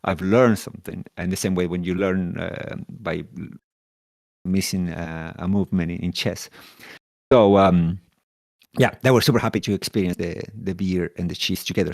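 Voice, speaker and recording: Low-voiced man from Chile, halting. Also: vocal fry, darkish tone, dry recording. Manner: halting, repeats words while thinking. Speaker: podcast guest, solution architect. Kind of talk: casual interview answers.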